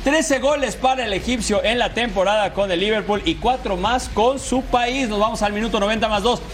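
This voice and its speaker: High-pitched man narrating football highlights. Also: moderate pace, fairly bright tone. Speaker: sports show host. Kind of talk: football highlights narration over match clips. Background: background music.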